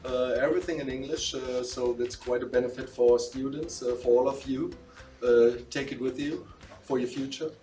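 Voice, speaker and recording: A man, a teacher, speaking with frequent pauses and fillers to an audience. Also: mid-range voice, steady tone, warm tone. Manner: halting, many fillers. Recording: roomy, distant, faint music.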